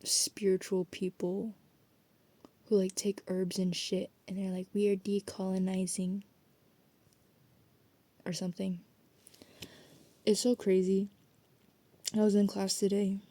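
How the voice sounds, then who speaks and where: Rambling young woman, very dark voice. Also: mid-range voice. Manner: rambling, casual, swears freely. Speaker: student vlogger. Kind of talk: late-night rambling vlog.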